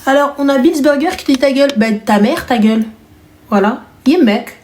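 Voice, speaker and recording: A woman's voice: sits high, normal speed, a little hiss or hum. Teasing woman host in an echoey room. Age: 30s. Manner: teasing, animated, joking. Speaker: live stream host taking callers. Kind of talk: casual live chat.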